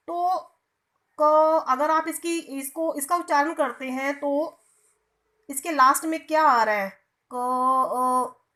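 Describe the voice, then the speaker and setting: A woman's voice: high voice, a bit bright. A woman teaching a grammar lesson to children, often asking questions and answering them herself, and stretching out sounds to demonstrate them. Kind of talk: online Hindi grammar lesson.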